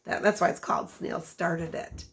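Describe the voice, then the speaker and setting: A woman school guidance counselor reading a storybook aloud and talking gently to students about kindness. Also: normal speed. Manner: gentle, explanatory, addressing students. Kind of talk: storybook read-aloud and lesson for children.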